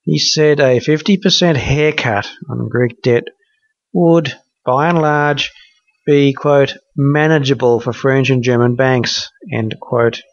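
A man reads financial news at an unhurried, deliberate pace, his voice at an ordinary middle pitch. The recording is dry and a little dull, like a lo-fi voice-over. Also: no echo. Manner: measured, reads quotes aloud with "quote" and "end quote". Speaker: podcast news reader.

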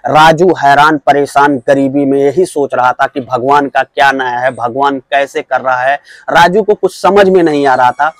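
A man narrating a true-crime story in steady storyteller fashion, often repeating his phrases. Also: mid-range voice, moderate pace, no echo, poor audio.

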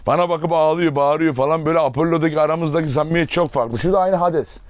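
A man's voice: a little high, fast talker, no room sound. A man running a dog farm, chatting casually to his viewers and fondly calling to his dogs outdoors. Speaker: dog farm owner vlogger. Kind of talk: casual vlog talk to viewers. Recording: noisy outdoor recording with barking dogs. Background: dogs barking.

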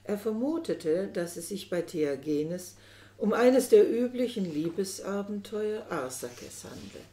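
A woman reading a classic novel aloud in a measured, steady narration, in a roomy recording. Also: medium pitch. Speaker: audiobook reader. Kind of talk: scripted narration. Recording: roomy echo.

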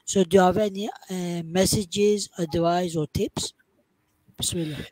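A man's voice: high voice, fairly even intonation, a little slow, darkish tone, no echo, rough recording. A young man hosting an interview, putting his questions together piece by piece with some hesitation. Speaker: interviewer, host. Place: small room indoors on a video call. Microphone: headset mic.

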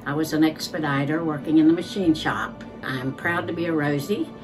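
A woman's voice: sits low, moderate pace, far from the mic, over music. A woman in her nineties speaking proudly and a little hesitantly of her wartime work. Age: 90s. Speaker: interviewee, former expediter. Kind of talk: personal testimony.

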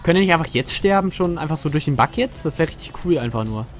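Fast and animated, this German-accented man streams a game with joking, laid-back let's-play commentary, talking to his viewers and cursing without restraint. His pitch runs fairly high, and faint music plays behind him.

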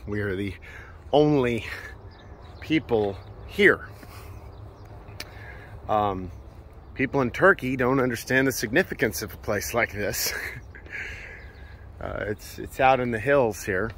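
On an open hillside among ancient ruins, a man in his thirties holds his phone at arm's length to film an outdoor walking vlog with preaching. His mid-range voice is a bit bright, slow, and full of pauses, with slight background noise. He preaches earnestly but with lots of filler words.

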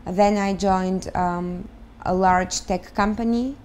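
A woman in her thirties from Bulgaria, speaking English with a Bulgarian accent, answering interview questions thoughtfully and pausing to search for words. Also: medium pitch, steady tone, a little mellow, a little hiss or hum. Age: 30s. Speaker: guest, start-up founder. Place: living room, on a sofa.

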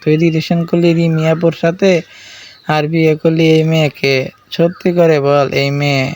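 A nosy teenage sister from a spoken storybook who pokes at her older brother with teasing questions, as a man reads her lines. She is given a fairly high, plain reading voice with hardly any change from the narrator's. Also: level tone, normal speed, darkish tone, lightly acted.

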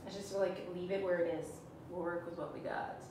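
This time the forties Canadian crafts host speaks at a fairly low pitch, flat and brisk, against a noisy background. Seated on the floor of a small room, she's a chatty, self-teasing furniture painting tutor talking to viewers while working in a live demo. The camera on a stand a few feet off leaves the mic distant and the room echoey.

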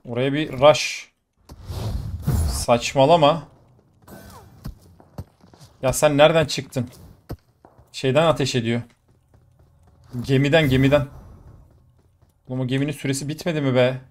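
Faint game gunfire runs behind a young gaming YouTuber who comments on his play live. He's excitable, medium-pitched, and prone to exclaiming and swearing in the thick of combat.

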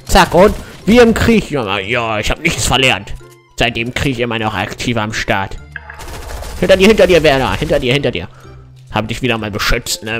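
A man acting as an old grandpa gamer in his sixties, mid-pitched, with old-fashioned endearments and battle-front talk. Game music plays behind him as he chats in a fatherly, excitable way. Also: close to an everyday voice. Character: jolly 65-year-old war veteran grandpa gamer. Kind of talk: in-character prank chat while gaming.

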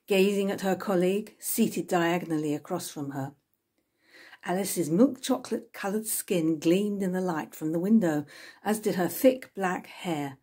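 In her 60s, this author reads from her novel in a low, slightly husky voice, giving it an expressive storybook delivery. The narration is scripted, like an audiobook. She's recording indoors in a small room at home with bookshelves.

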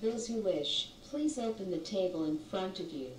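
A woman making a formal, slowly measured cabin announcement as a flight attendant. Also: medium pitch, animated, echoey room. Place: airplane cabin. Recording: distant cabin PA in a noisy plane.

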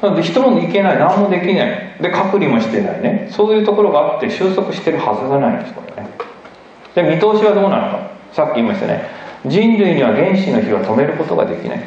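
A man giving an emphatic, animated public lecture with slides, often asking the audience questions. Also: on the high side, fast talker, a little hiss or hum. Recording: echoey hall, dull lo-fi recording.

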